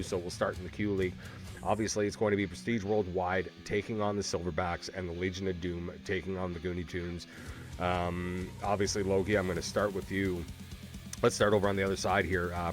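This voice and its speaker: A man's voice: sits low, fairly bright tone. A man hosting a casual gaming league recap live stream, chatty and upbeat, with lots of fillers and restarts.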